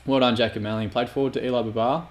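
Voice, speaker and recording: A man's voice: medium pitch, steady tone, rapid-fire. Male gamer, casual commentary over a football sim, swears and vents often. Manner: frustrated, sweary, exasperated outbursts. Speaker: gaming YouTuber. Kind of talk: football manager game commentary.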